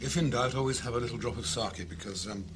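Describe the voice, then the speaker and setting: A man's voice: medium pitch, fast, noisy background. A man hosting a cooking show, chatting enthusiastically and theatrically with his guests. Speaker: cookery show host. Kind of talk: lively on-set chat.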